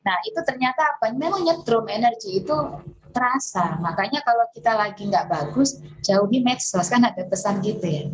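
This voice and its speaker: A woman therapist talking casually and explaining self-healing techniques step by step as she demonstrates them, with lively rises in pitch and a friendly, chatty manner. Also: a little fast, poor audio. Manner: warm, chatty teaching with hands-on demonstration; lively pitch swings and occasional laughs.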